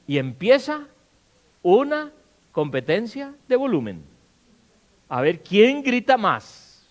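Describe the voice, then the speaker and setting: Animated man preaching a sermon. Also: high-pitched, slow, dull audio. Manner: animated, asks the congregation questions, acts out quarrels in loud bursts. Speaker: pastor. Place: church. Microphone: handheld or stand mic.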